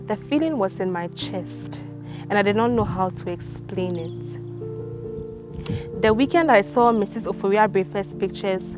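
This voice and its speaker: Woman, author reading her novel, measured and sombre, music underneath. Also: medium pitch. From Ghana. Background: background music.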